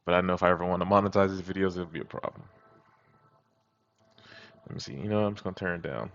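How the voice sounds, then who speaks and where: A man vlogging in a laid-back, rambling way, his voice sounding thin, tinny and muffled with no bass through a wireless headset. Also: fast talker. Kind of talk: casual chat to viewers. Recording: dull lo-fi headset audio. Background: faint music playing.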